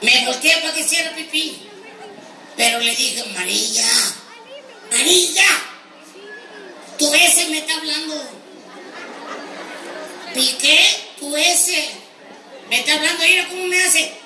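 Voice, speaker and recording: Brief: a Mexican ranch hand, shrill and cheeky, cracking raunchy jokes, recorded far off in a noisy live room with a crowd. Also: male voice, a little slow, pauses often. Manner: high squeaky voice, bawdy punchlines, shouted outbursts. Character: naive boastful rural ranch hand, male. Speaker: stand-up comedian in character. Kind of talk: live comic monologue. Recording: roomy live venue from far off, crowd and noise.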